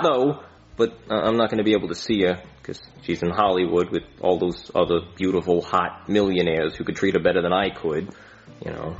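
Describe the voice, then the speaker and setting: A man's voice: fairly low pitch, highs cut off, voice pushed down, natural voice. A man voicing a jealous, insecure, shallow older husband who blusters and stammers in a comedy sketch.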